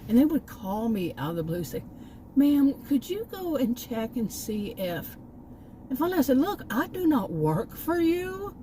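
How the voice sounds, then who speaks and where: Exasperated and emphatic, a middle-aged Texan woman with a Texan accent rambles through a vlog story about a bad experience, full of asides, while sitting in a car by a park. Her warm voice sits high and sounds sing-song, at a moderate pace. A little hiss or hum can be heard.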